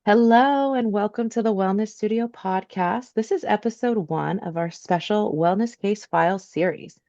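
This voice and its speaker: A woman hosting an interview podcast, reading a measured scripted intro and then asking chatty questions. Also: medium pitch, mellow, dull audio. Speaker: podcast host.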